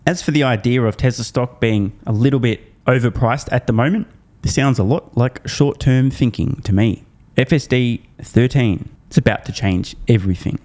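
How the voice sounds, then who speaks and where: A man's voice: medium pitch, normal speed, a little mellow. An Australian man giving blunt, mocking finance commentary, often sarcastic and swearing.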